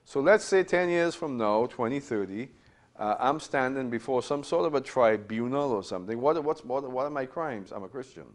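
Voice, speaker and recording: A man's voice: mid-range voice, lively intonation, moderate pace. Man in his fifties teaching a Bible class, emphatic, repeats himself, asks rhetorical questions, recorded from a distance in a small room. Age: 50s.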